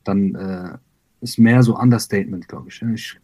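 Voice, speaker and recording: A man from Iran with a husky, slightly breathy voice, answering interview questions. He talks in a halting, reflective way, circling back with fillers and repeated words. His voice sometimes drifts a little away from the mic. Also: on the low side, darkish tone. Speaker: rapper, interview guest. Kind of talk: conversational interview.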